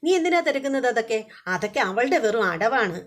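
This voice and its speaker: A woman's voice: a little high, animated, fast. A woman voicing a scheming, status-proud middle-aged mother who talks in a coaxing, scornful way.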